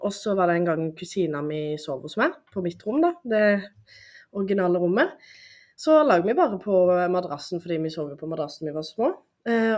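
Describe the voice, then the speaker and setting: A young woman, a podcast guest, telling stories in a casual chat in an animated way, with many fillers. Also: on the low side.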